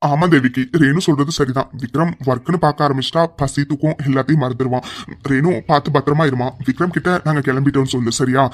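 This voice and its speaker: A man voicing a calm, soothing middle-aged father in a cartoon. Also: mid-range voice, quick pace, lightly acted. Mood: patient. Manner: soothing, patient. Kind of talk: cartoon voice acting.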